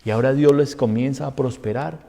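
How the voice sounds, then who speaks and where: A man preaching a sermon as pastor, swinging from loud, high outbursts to hushed, low tones. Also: fairly quick, creaky. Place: church sanctuary. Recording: long church hall reverb.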